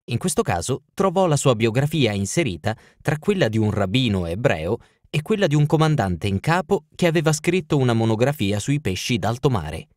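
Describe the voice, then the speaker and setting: A man narrates an audiobook in a measured, even way. His voice sits at a middle pitch for a man, and the recording is dry and close with no room sound. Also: no echo. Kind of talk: scripted narration.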